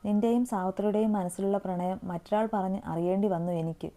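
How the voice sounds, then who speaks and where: Brief: woman voicing a loyal young man in an audio story, earnest and reproachful, very dark mellow tone. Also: mid-range voice, steady tone, a little fast, lightly acted. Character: young man, hurt but loyal brother figure.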